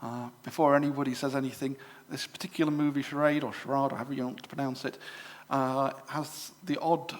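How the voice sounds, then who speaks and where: A middle-aged English man giving a live demonstration to a club audience, chatty and full of fillers and quick self-corrections. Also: mid-range voice, fairly even intonation. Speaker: presenter at a computer club show. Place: exhibition room at a club show.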